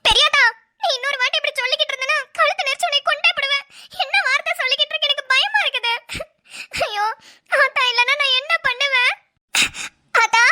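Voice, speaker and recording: A woman's voice: extremely high pitch, quick pace, sharp tone, heavily acted. A woman voicing a frightened, devoted young granddaughter in a cartoon, pleading and tearful. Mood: frantic. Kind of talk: cartoon voice acting.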